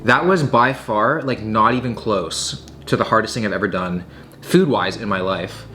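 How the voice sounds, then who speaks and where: A man's voice: lowish voice, normal speed, pushed and bright, slight background noise. A young man hosting a casual question-and-answer chat, speaking informally with lots of filler words and emphatic phrasing. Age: young adult. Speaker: video host answering viewer questions. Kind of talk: casual Q&A chat while tasting food.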